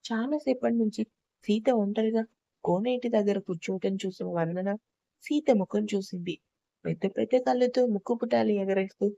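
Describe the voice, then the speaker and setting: Mellow-voiced woman narrating a story. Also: mid-range voice, dry recording. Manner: steady expressive reading. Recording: slightly dull lo-fi recording, dry.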